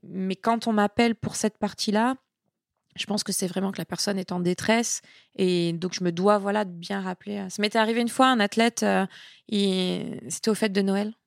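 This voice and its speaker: A lively, chatty woman talks as a nutrition expert in a casual interview. Her voice has a gravelly edge. The sound is close and dry, and she often stumbles over repeated words as she thinks. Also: medium pitch, moderate pace, dry recording. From Italian heritage. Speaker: sports nutritionist, podcast guest.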